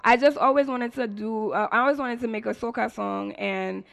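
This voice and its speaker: A woman with a Saint Lucian accent speaks in a fairly high voice with a noticeable creak. She talks like a radio interview guest, chatty and conversational, telling stories and acting out little quotes. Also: fairly quick, a bit bright. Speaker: guest, soca and dancehall singer.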